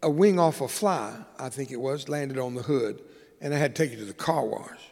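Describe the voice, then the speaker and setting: Joking storytelling preacher in a reverberant hall. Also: male voice, mid-range voice, fairly quick, darkish tone. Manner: humorous, conversational storyteller with dramatic swings. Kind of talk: sermon storytelling. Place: church.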